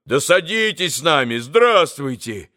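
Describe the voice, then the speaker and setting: A friendly young man calls out cheerful greetings, a bit raised in pitch, as a male narrator voices him. He speaks unhurriedly, warm and hearty, a light figure in a storybook scene. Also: very animated, unhurried, heavily acted.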